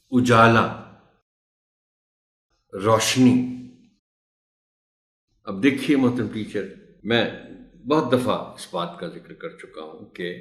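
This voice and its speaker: Deep-voiced male teacher, echoey room. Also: a bit bright. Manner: recites a poem with rhythm, then explains pronunciation patiently. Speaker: teacher trainer. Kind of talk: recorded tutorial for teachers.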